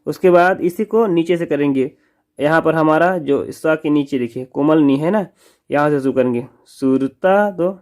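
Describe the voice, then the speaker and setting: A man teaching a song on the harmonium, calling out and singing sargam notes slowly between quick spoken explanations. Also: on the high side, darkish tone. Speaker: music teacher.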